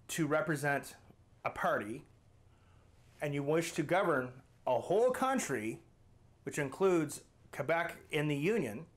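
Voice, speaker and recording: Male vlog host, slightly high pitch, emphatic and argumentative delivery. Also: fairly bright tone. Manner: emphatic, argumentative, with rhetorical questions. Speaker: channel host. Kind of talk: opinion vlog to camera.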